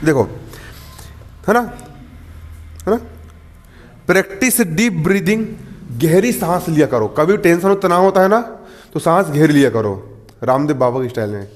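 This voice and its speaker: A man's voice: a little high, expressive, measured pace, pauses often, long reverb tail. A man teaching a class in a chatty, laughing way, often asking his students if they follow. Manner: chatty, laughs often, repeats "theek hai". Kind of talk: classroom lecture.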